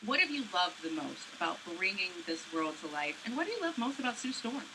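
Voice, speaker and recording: A woman interviewing cast members at a live event for a morning show, peppy and energetic. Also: mid-range voice, quick pace, background noise. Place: large event hall with a rocket on display.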